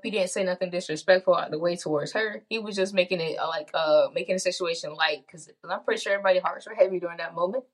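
A young woman co-hosting a podcast in casual chat, joking and slangy, often laughing. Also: lowish voice. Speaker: podcast co-host.

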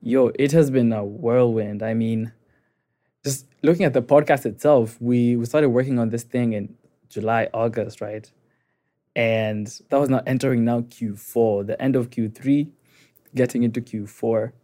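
A man's voice: medium pitch, fairly even intonation, moderate pace, dark tone. A young man co-hosting a podcast, talking casually with playful, upbeat emcee flourishes. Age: young adult. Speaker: podcast co-host.

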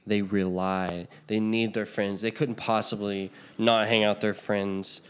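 A man with a fairly low voice chats on a podcast. He rambles, circles back and restarts sentences, filling gaps with "like" and "you know." His talk is loose and unscripted. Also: little pitch movement, unhurried, a little hiss or hum. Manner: rambling, lots of fillers and restarts. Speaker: podcast co-host. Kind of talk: casual chat.

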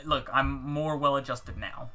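A man's voice: mid-range voice, steady tone, unhurried, pushed and bright. A young man in casual chat, rambling through stories with lots of fillers and self-mockery. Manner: rambling storyteller, filler-heavy, self-mocking. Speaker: co-host.

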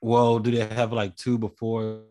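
A man's voice: lowish voice, monotone, measured pace, warm tone, no echo. A man from Tennessee co-hosting a podcast, laid back until he disagrees, then heated and profane. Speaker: podcast co-host. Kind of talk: casual debate about rap.

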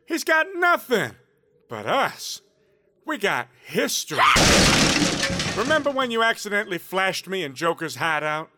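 A man's voice: high voice, very animated, unhurried, heavy background noise. A man playing a foul-mouthed rogue villain with a conscience, blunt and colloquial, in an audio drama. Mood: cocky.

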